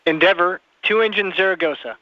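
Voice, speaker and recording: A man's voice: sits high, fairly quick, bright, forceful tone, dry recording. A man making clipped, procedural flight control calls over a breaking-up space-to-ground radio link. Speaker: mission control capsule communicator. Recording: muffled, noisy radio link.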